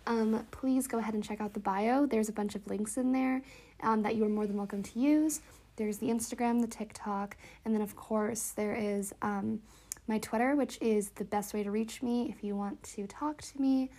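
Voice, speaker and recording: A woman with a fairly high voice talks casually as a solo podcast host. She sounds congested in the nose and a little wheezy. Her delivery is chatty, informal and upbeat. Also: fairly even intonation, moderate pace, warm tone. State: stuffy nose, slightly wheezy.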